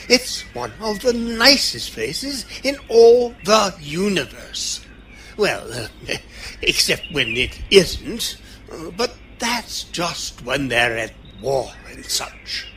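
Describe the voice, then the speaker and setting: An actor in an audio drama playing an eccentric, kindly, cheerful old time-travelling doctor who dithers through ums and broken phrases. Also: male voice, fairly high pitch, big pitch swings, very slow, sharp tone, slight background noise, full character voice. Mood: cheerful, musing.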